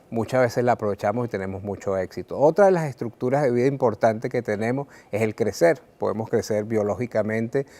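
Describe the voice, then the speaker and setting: A Venezuelan man, a writer, speaking earnestly and reflectively to the viewer about his life, with frequent "eh" pauses and repeated words. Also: lowish voice, darkish tone. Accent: Venezuelan Spanish. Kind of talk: reflective personal talk to camera.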